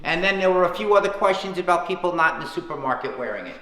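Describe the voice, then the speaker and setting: On a public teleconference, a town official fields questions, his voice bright and slightly high for a man. He talks fast with lively intonation, earnest and emphatic, numbering his points one by one. The conference line adds a hollow, roomy echo.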